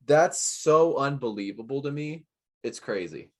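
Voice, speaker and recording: A young man co-hosting a casual podcast, chatting in a rambling, self-mocking way and quick to joke. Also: mid-range voice, lively intonation. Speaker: podcast co-host. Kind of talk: casual chat.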